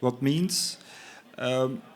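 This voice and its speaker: In a stadium conference lounge, a man from Belgium gives a presentation in English, which isn't his native language. His mid-range voice moves slowly, with lots of hesitation, fillers, and restarts.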